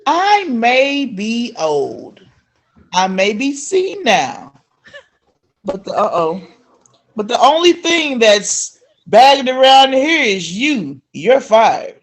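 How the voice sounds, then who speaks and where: A woman acts out a tart, dignified old lady in a comedic script reading. Her voice is high and very deliberate. She is drily cutting, in slow measured phrases. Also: big pitch swings, full character voice.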